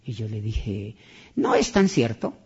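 A man's voice: fairly low pitch, huge pitch swings, measured pace, gravelly, a little mellow, a little hiss or hum. A man giving an emphatic motivational talk to an audience, repeating his points and acting out conversations. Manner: emphatic and repetitive, acts out dialogue. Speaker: motivational speaker. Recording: dull lo-fi recording.

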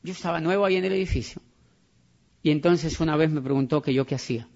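A man with a fairly high, slightly mellow voice and some vocal fry talks quickly, delivering an emphatic motivational speech to an audience. He repeats his points and acts out conversations. The recording is dull and lo-fi.

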